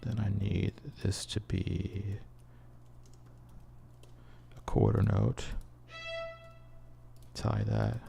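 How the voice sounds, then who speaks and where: Low gravelly man, composer thinking aloud. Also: level tone, drawn-out words, pauses often, music in the background. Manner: muttering to himself, humming phrases. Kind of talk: casual screen-share tutorial, thinking aloud.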